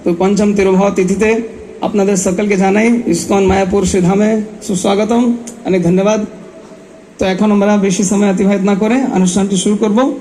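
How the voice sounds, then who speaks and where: A man giving a spoken welcome as host of a religious event, speaking the halting Bengali of a non-native speaker. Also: high-pitched, little pitch movement, warm tone, a little hiss or hum. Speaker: event host and master of ceremonies at a religious festival.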